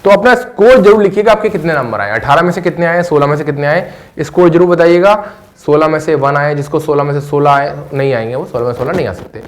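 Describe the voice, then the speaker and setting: A male English teacher with a Hindi accent runs through a vocabulary list at a board. His voice sits a little high for a man, and he repeats each word and its meaning several times. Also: fast. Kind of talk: vocabulary lesson to camera. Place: classroom with a board.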